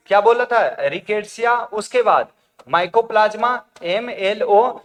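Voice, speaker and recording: A male teacher giving an exam coaching lecture, who asks the class questions, answers them himself and repeats key terms slowly. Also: high-pitched, fairly bright tone, in a large hall.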